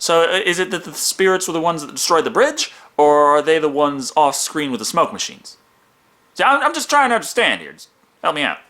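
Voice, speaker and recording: A man's voice: fairly high pitch, big pitch swings, a little fast, noisy background. A man narrating a comedic film review in a sarcastic, profane, mock-hesitant manner.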